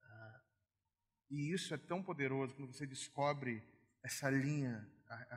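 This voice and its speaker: A man preaching in a conversational way, telling stories with animated acted-out voices. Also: medium pitch, big-room sound. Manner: animated storytelling, acts out voices. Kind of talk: conversational sermon.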